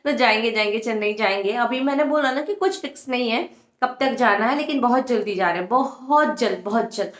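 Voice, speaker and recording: A woman's voice: fairly high pitch, animated, brisk. A young woman vlogger chatting casually to her viewers, often dropping English words into her talk. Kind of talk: casual vlog chat. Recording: echoey room.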